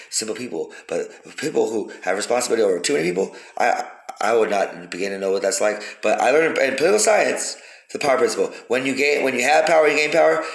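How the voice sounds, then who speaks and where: A man giving a rambling, profane philosophical monologue, repeating himself for emphasis. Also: deep voice. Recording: roomy echo.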